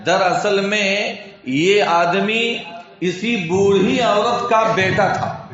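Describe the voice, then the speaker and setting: A man preaching a weekly sermon, telling a cautionary story and urging his listeners as his brothers to honor their parents. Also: fairly bright tone. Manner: storytelling, rising high for the pleading mother and dropping low for asides. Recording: very echoey, dull lo-fi sound.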